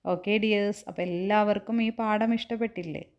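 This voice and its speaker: A woman teacher explaining a textbook lesson to young children, gently asking questions and answering them herself. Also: mid-range voice, fairly even intonation, normal speed, muffled recording.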